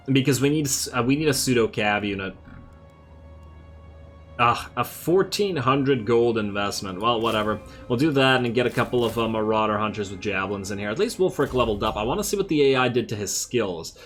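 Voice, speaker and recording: Male let's play host, laid-back strategy commentary, thinking out loud over faint music. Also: mid-range voice. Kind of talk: casual strategy game commentary. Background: game music.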